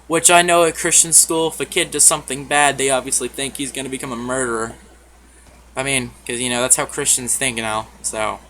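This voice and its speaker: A man telling a story in a casual vlog, offhand and full of swearing, often clearing his throat. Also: mid-range voice, fairly even intonation, fairly quick, bright, forceful tone, slight background noise. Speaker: YouTuber.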